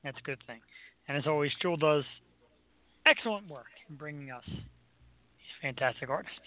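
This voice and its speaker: A man's voice: fairly high pitch, animated, moderate pace, phone-quality sound. An American man chatting casually as a talk show host, in a rambling, playfully boastful way. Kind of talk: casual chat.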